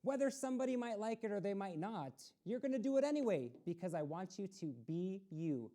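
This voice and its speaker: A woman's voice: medium pitch, lively intonation, fairly quick, dark tone. A woman reading a picture book aloud to children on a community TV storytime and encouraging them. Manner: encouraging, talks straight to children. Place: community access TV studio.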